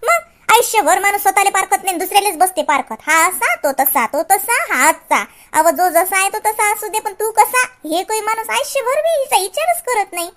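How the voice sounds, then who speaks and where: A woman's voice: very high voice, animated, normal speed, fairly bright tone. A woman playing a chatty, self-pitying old village grandmother, rambling, preaching and complaining in sing-song exclamations. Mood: musing. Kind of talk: comic sketch acting.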